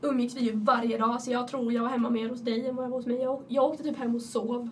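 Young woman with a cold, high voice, chatty anecdotes, faint background noise. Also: little pitch movement, far from the mic. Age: young adult. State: has a cold. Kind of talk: casual chat.

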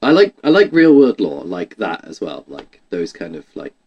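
Low husky man in casual chat. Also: wildly swooping pitch, moderate pace, dull audio. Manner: rambling, restarts often with "like".

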